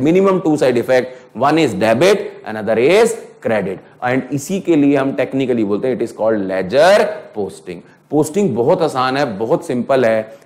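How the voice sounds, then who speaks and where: A man's voice: mid-range voice, a little mellow. Hindi-English lecturing male teacher. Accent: Indian English. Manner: mixes Hindi and English, slows right down to dictate definitions, asks students questions. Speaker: accounting lecturer. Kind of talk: classroom lecture. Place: classroom with students.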